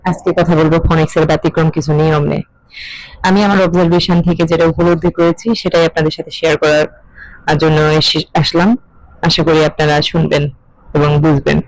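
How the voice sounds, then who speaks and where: A middle-aged woman, explaining an English lesson in a measured, questioning way. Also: deep voice, flat delivery, no echo, low-quality recording. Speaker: English teacher.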